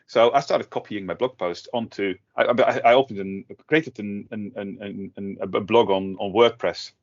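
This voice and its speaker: A middle-aged man from the Netherlands talks casually, often stopping to restart his sentences. His voice sits on the low side. The audio is dull and lo-fi. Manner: hesitant, many restarts and fillers. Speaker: guest, tech blogger. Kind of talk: casual interview talk.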